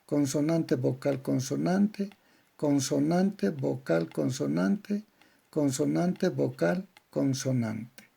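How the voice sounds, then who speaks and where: A man with a Bolivian accent lectures like a patient teacher, listing sounds and syllables one at a time. His voice is dark and gravelly, a little higher than most men's, and he talks very slowly. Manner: spells out syllable patterns slowly, word by word. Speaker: language teacher. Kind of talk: slow didactic lecture on grammar.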